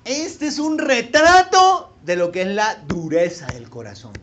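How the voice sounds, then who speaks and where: A man preaching a sermon as pastor. He talks straight to his listeners with rhetorical questions and swings from hushed low asides to loud emphatic peaks. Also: lively intonation, a little slow.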